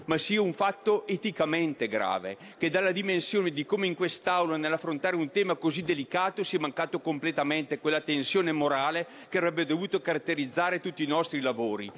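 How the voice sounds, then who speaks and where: A man who is a member of parliament, giving a measured but indignant speech. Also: fairly high pitch, animated, fairly bright tone.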